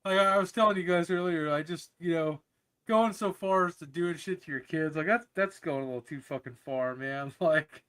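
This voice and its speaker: Casting: high-pitched male co-host, blunt, swears freely, loose banter. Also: normal speed, a bit bright, clear, resonant tone. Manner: profane, blunt, laughs often. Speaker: podcast co-host. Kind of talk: casual chat.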